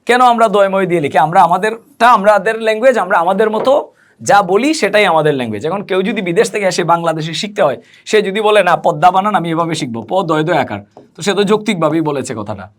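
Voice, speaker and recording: A man teaching a spoken English lesson. He explains slowly, spells words out and answers his own questions. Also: high-pitched, animated.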